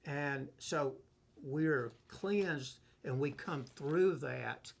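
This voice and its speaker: Gravelly-voiced man teaching scripture. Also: on the high side. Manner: reads scripture aloud and explains it verse by verse; unhurried, asks himself questions and answers them. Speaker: pastor leading a Bible study. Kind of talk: conversational Bible teaching.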